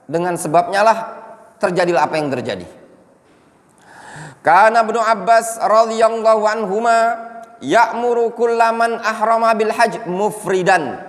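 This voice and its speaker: Ustadz berlogat di aula masjid yang bergema. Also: male voice, high voice, unhurried, pauses often. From Indonesia. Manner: explains Arabic texts line by line, jokes and quizzes the class. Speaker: ustadz teaching a mosque class. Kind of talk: religious lesson. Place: mosque hall. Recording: echoey mosque hall.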